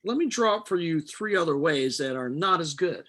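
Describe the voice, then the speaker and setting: A man's voice: fairly high pitch, lively intonation, normal speed, fairly bright tone. A middle-aged man teaching a chemistry class, explaining step by step with patient jokes. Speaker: chemistry instructor. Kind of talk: live online chemistry lecture.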